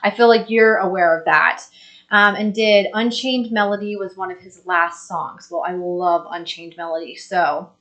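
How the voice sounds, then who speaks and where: A woman's voice: lowish voice, fairly even intonation, moderate pace, a bit bright. A young woman co-hosting a casual live stream, reading viewer comments aloud and laughing easily. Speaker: co-host reading live chat.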